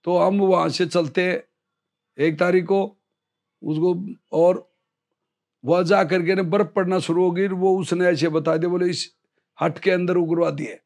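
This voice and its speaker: In an interview, an army veteran in his fifties tells a story with real liveliness, acting out what other people said. His voice is high-pitched and a little slow.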